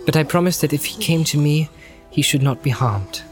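A man doing a gentle, courteous young hobbit. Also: fairly quick, soft background music, close to an everyday voice. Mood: earnest. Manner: courteous, softer and higher than the narration. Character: earnest young male hobbit, polite and gentle. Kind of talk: audiobook character voice.

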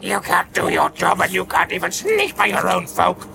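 A man voicing a sullen male orc tracker who mutters complaints and snarls back in a gravelly voice. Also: lowish voice, a little slow, music in the background. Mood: snarling. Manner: muttering and grumbling, flaring into snarls.

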